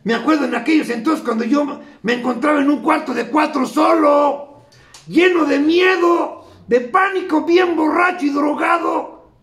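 A man with a Mexican accent voicing a desperate male alcoholic speaking on the radio, shouting in anguish. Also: very high-pitched, fast talker, creaky, hardly any pauses, echoey room, full character voice.

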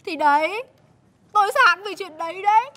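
An actress playing a loud, nagging village wife who scolds and exclaims in a flustered way. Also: female voice, extremely high pitch, animated, moderate pace, exaggerated voice. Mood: scolding.

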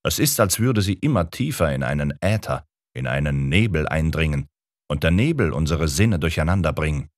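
A man reads the part of a pompous elderly professor who booms and lectures from a voice sitting in the deepest register. He talks down to his listeners, all in a dry, close-miked audiobook sound. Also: lively intonation, normal speed, dry recording. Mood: grandiose. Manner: lecturing, condescending. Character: booming, pompous older male professor. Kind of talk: audiobook character reading.

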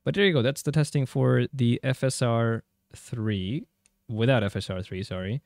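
A man's voice: mid-range voice, moderate pace, vocal fry, a little mellow, no room sound, studio quality. A man giving casual, chatty gameplay commentary and tech walkthroughs as a video host, in an informal way. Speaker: host of a handheld gaming tech channel.

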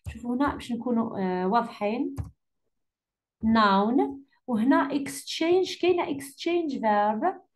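A woman with an Algerian Arabic accent correcting an English exam for her students, patiently repeating key words slowly. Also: a little high, animated. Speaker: English teacher.

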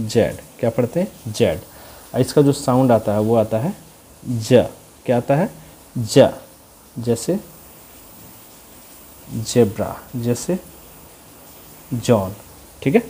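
A man with a medium-pitched, dark voice teaches English letter sounds in a slow, repetitive phonics lesson, with a little hiss or hum in the background. He repeats each sound and quizzes the viewer through call-and-response questions.

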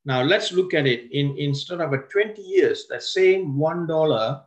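A man presenting a wealth seminar as a lecture. He slows down to stress key words and often breaks off and restarts his sentences. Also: fairly high pitch.

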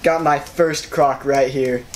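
Young man playing a slow-talking boastful crocodile hunter. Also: mid-range voice, steady tone, a little hiss or hum, natural voice. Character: boastful, impatient veteran crocodile hunter contestant.

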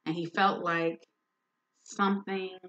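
A woman's voice: on the low side, flat delivery, slow pace, fairly bright tone, lo-fi sound. A woman host candidly retelling a friend's painful story in a personal talk, speaking with emphasis.

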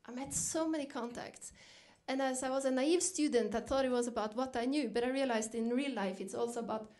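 At a dinner, a middle-aged woman from Norway gives a keynote full of reflective storytelling, pitching up whenever she repeats her own words. Her delivery is brisk, fairly high, and darkish in tone.

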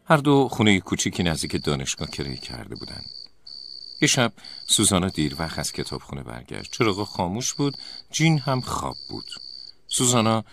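A man from Tajikistan narrating horror stories with a measured, dramatic delivery, in a noisy recording with crickets outside. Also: low-pitched, very animated, creaky. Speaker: storyteller. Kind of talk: scripted horror story narration. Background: crickets chirping.

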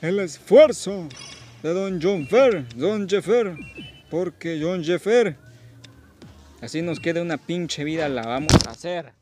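A man's voice: fairly high pitch, takes it slowly, music in the background. A tipsy man gives casual gameplay commentary as a host, rambling, repeating himself and joking crudely. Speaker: gaming video host.

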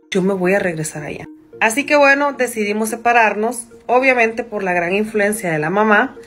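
A woman telling a first-person story in a conversational way, with fillers and small restarts. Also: mid-range voice. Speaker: narrator of a viewer's story.

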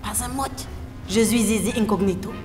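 A woman's voice: medium pitch, steady tone, normal speed, a little mellow, lightly acted. An actress playing an imperious, humourless foreign queen in a stage farce, hammy and commanding, mangling her words. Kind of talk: stage comedy, vaudeville farce. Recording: echoey theatre stage, music over it.

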